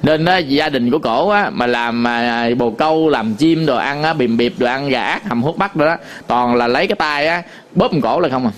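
A man's voice: medium pitch, normal speed, hardly any pauses. A man with a Southern Vietnamese accent, a Buddhist monk giving a dharma talk to an audience, telling stories with many fillers and repetitions.

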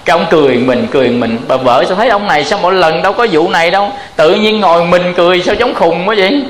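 A chatty man telling a folk tale. His voice sits a bit high and rings in an echoey room. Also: racing. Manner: lively, chatty. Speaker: storyteller.

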